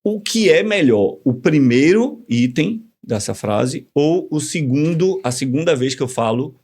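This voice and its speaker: A man explaining ideas in a casual podcast conversation, animated and teacherly, full of examples. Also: a little high, measured pace, husky. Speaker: communication guest.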